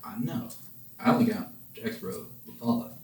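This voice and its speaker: Young man, from Tennessee, teasing, animated pitch, echoey room with chatter behind. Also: normal speed. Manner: short dry interjections, teasing. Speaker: podcast co-host. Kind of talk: casual chat with friends.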